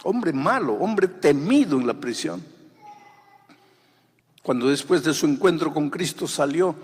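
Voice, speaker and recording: A man preaching a sermon with great feeling, swelling to loud, high pleas and dropping to hushed, quiet lines. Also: breathy edge, in a large hall. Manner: impassioned preaching, swells loud then drops to near whisper. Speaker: pastor.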